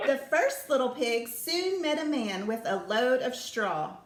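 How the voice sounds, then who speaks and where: Woman reading a kids story slow, roomy echo on it. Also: sits high, big pitch swings.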